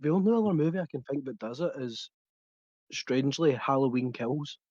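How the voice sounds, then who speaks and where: A man's voice: mid-range voice, expressive, normal speed, a little mellow, no echo, lo-fi sound. A man co-hosting a podcast, chatting about films, often laughing and searching for the right words. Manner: chatty, laughs while telling, hunts for words. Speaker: podcast co-host. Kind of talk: casual film chat.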